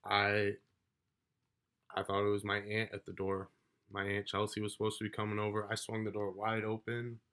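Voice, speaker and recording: A man telling a story from his own life in a casual, rambling way, swearing often and getting loud as he relives an argument. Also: lowish voice, completely flat delivery, normal speed. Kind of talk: casual personal account.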